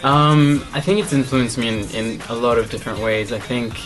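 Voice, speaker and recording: A man's voice: mid-range voice, moderate pace, music in the background. Young man chatting in a studio. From Canada. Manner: thoughtful, many "you know" fillers. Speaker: singer, interview guest. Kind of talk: casual interview answers. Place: music studio, indoors.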